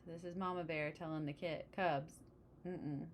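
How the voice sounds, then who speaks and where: Reading a picture book aloud to children, this storyteller has a low, steady voice and moves a little quickly, adding casual asides about the illustrations. A faint hiss or hum runs under the recording.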